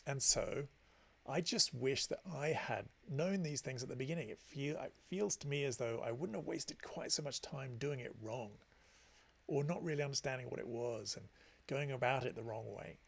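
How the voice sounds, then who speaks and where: A man's voice: mid-range voice, normal speed, creaky, a bit bright, slightly rough. A man teaching a meditation class, explaining ideas in a chatty storytelling way with self-deprecating asides. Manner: gives friendly explanations with frequent restarts. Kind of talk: informal class talk.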